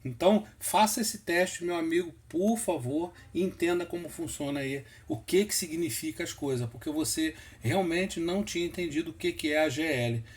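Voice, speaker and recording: A man giving a casual screen-share tutorial, patient and repetitive, often checking in with the listener. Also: on the high side. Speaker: instructor explaining flight instruments.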